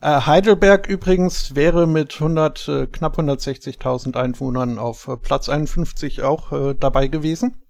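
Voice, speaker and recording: A man's voice: a little high, moderate pace, gravelly, hardly any pauses, darkish tone, dry recording. A man hosting a podcast quiz, talking hesitantly with many filler sounds. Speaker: quiz host.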